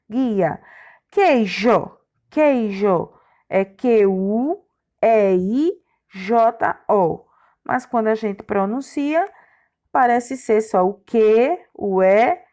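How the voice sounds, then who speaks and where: A woman teaching a recorded lesson for young schoolchildren, her voice sitting a little high. She takes it slowly and patiently, sounding out each letter and syllable clearly. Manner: slow, spelling out letters and syllables for children. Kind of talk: recorded remote grammar lesson.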